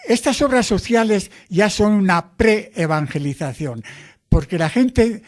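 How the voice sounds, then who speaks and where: An older man, a missionary priest, explaining his work in an earnest, deliberate way during an interview. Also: sits high, animated.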